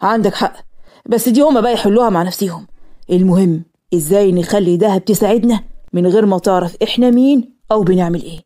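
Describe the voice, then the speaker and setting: A woman with an Egyptian accent voicing cartoon dialogue in a brisk, matter-of-fact way. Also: mid-range voice, warm tone. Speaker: voice actor.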